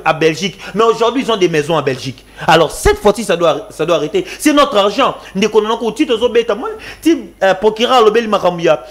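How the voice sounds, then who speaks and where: A Congolese man giving an impassioned political talk, fiery and repetitive, switching between French and Lingala. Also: high-pitched. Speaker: guest commentator.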